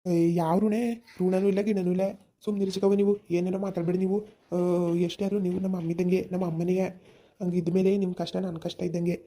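A woman's voice: lowish voice, flat delivery, quick pace, warm tone, natural voice. A woman voicing a kind young village man in a cartoon, insistent and reassuring. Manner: insistent, reassuring, talks over worries. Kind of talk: cartoon voice acting.

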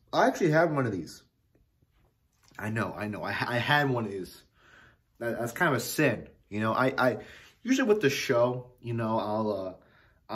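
A man giving a casual soda review to the camera, rambling and excitable, with lots of fillers and restarts. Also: medium pitch.

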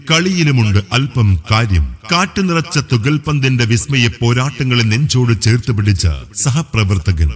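A man delivers a scripted promotional announcement for a sports event in a grand, rousing, declamatory style. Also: mid-range voice. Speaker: announcer for a local football tournament. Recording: long hall reverb over music bed.

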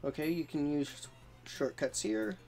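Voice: medium pitch, unhurried, darkish tone. A gamer chatting casually through a let's play, reading bits of on-screen text and adding amused asides. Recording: faint music behind. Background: video game music.

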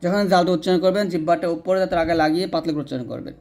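A man with a Bangladeshi Bengali accent and a fairly high voice leads a recitation lesson. He breaks each word into its letters and vowel marks, draws out the sounds syllable by syllable, and has the listener repeat after him. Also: rapid-fire, a little mellow. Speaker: Quran teacher. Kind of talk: slow spelled-out recitation lesson.

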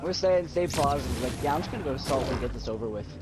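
A man's voice: medium pitch, expressive, fast talker, a loud crowd. A man chatting playfully with teammates while playing a game. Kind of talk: casual gaming chat.

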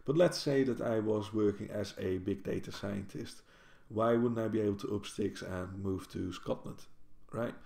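A native Dutch speaker from the Netherlands who works as a university librarian talks casually to camera from his home kitchen, wandering off topic and correcting himself with many restarts. He speaks at a normal speed with few pauses, in a low, mellow voice with vocal fry. The built-in camera mic sits at desk distance, and the kitchen echoes.

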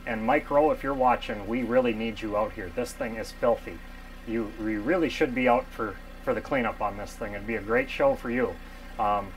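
Gravelly matter-of-fact mechanic, light background hum. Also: male voice, medium pitch, low-quality recording. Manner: matter-of-fact, technical, with frequent ums and uhs. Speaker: machine shop owner and locomotive mechanic. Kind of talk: casual explanatory vlog. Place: locomotive cab, then a machine shop. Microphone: lapel mic.

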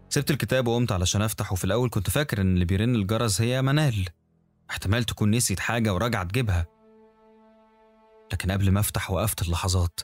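A man with an Egyptian Arabic accent narrating a first-person horror story in a brisk, conversational way. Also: sits low. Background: faint music.

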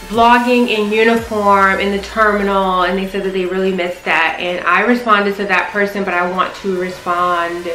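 The audio is low quality and the room echoey as a young adult American woman chats to camera from her living room sofa in a medium-pitched, sharp voice. A vlogger and flight attendant, she's emphatic and conversational, frequently asking "right?" to keep the listener with her.

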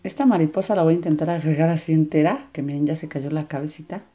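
A woman's voice: deep voice, fairly even intonation, quick pace, dark tone, highs cut off, faint music behind. A woman hosting a casual hands-on demonstration aimed at children. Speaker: host of a children's toy and slime channel.

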